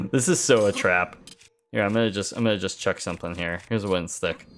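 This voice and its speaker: A man in his thirties talks a little fast in a voice on the low side yet a bit bright, with faint music behind him, as he plays a game on a livestream. His chat is casual and rambling, and he mutters to himself, laughing and swearing now and then.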